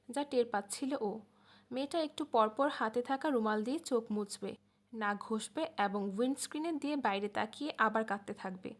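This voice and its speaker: Woman narrating an audiobook, fairly high voice. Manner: steady storytelling. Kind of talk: scripted narration.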